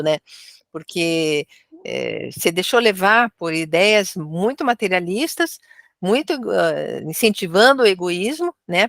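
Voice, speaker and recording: A woman with a Brazilian accent discussing religion in a study group, chatty and filling pauses with little tags. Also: on the low side, dry recording, clean studio sound. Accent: Brazilian Portuguese. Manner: chatty, fills with "né" and "tal".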